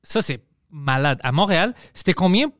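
A man's voice: a little high, sing-song, moderate pace, fairly bright tone, no room sound, clean studio sound. A young man with a Greek accent hosting a podcast in casual, playful chat, laughing often. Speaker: podcast host.

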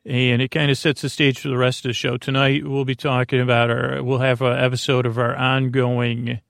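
A podcast host with a medium-pitched, gravelly, slightly bright voice speaks evenly at normal speed on a clean studio recording with no room sound. He rambles through a drowsy bedtime intro, meandering into playful tangents and wordplay with lots of fillers.

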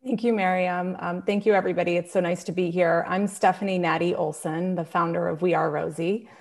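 A woman speaks earnestly and reflectively as a panelist. Her voice is a little on the low side. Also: fairly even intonation, brisk, gravelly. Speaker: panelist, founder. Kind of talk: panel introduction.

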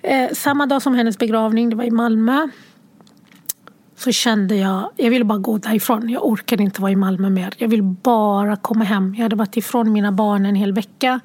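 A woman recounts a personal story, tearful and halting. Her voice sits a little high and often drops to a hushed, near-whispered tone as she searches for words. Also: fairly even intonation, no room sound. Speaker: guest sharing a personal story.

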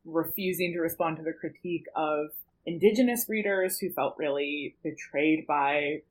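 A woman's voice: low-pitched, normal speed, low-quality recording. A woman on a casual podcast, emphatic and wry as she talks things through.

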